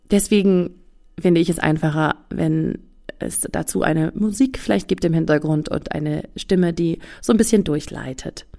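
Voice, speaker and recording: A woman's voice: fairly low pitch, vocal fry, warm tone. A woman talking casually to her listeners as a meditation teacher, informal and self-deprecating. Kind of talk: casual introductory talk to listeners.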